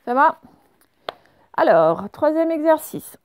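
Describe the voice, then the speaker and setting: A woman gives a reading lesson to young children, saying words slowly and clearly and spelling out sounds. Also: sits high, sing-song. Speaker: teacher.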